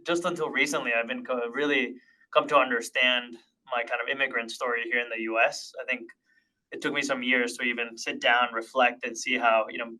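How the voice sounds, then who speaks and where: A man's voice: medium pitch, level tone, a little fast, bright, forceful tone, poor audio. A man in his thirties, born in Honduras, talking as a podcast guest in a reflective, casual way with many fillers and restarts. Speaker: podcast guest, tech partnerships leader. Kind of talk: casual interview chat.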